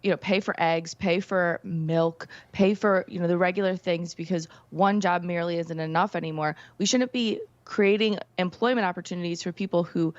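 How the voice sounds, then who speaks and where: A woman's voice: fairly low pitch, brisk, few pauses, no room sound, lo-fi sound. A woman commentating as a guest on a news panel, arguing her points emphatically in casual wording. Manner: emphatic and argumentative, casual phrasing.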